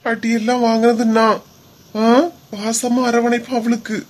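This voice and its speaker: A woman's voice: a little high, flat delivery, unhurried, lightly acted. A woman with a Kanyakumari Tamil accent voicing a meek, henpecked husband in a cartoon comedy, whining and pleading. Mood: grumbling.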